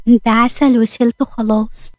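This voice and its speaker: A woman's voice: a little high, little pitch movement, normal speed, darkish tone, dry recording, close to an everyday voice. A woman with an Egyptian accent voicing a playful, teasing young husband in a read-aloud romance story.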